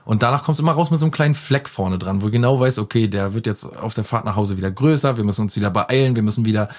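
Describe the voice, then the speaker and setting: A man in his forties hosting a casual comedy chat, deadpan and crudely teasing. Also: on the low side, very fast. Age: 40s. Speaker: podcast host.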